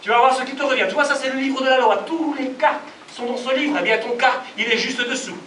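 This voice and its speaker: A man's voice: extremely high pitch, quick pace, a bit bright. A man voicing a brusque, impatient judge in a told folk tale, speaking in a commanding way. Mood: stern. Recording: distant roomy live recording, noisy.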